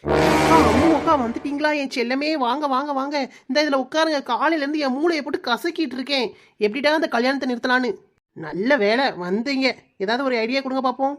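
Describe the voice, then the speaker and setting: A stubborn village daughter in her late twenties, voiced by a woman, whines and pleads in a high voice. She sounds sulky and defensive. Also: brisk, lightly acted. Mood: pleading. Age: 20s. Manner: whiny, pleading. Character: stubborn 29-year-old village daughter avoiding marriage. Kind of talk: cartoon voice-over.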